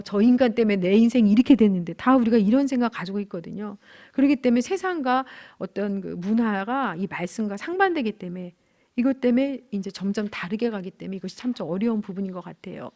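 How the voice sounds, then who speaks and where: A woman in her thirties teaching a church marriage class, telling candid personal stories in an earnest, conversational way. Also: fairly high pitch. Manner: earnest, candid storytelling with animated quoted outbursts.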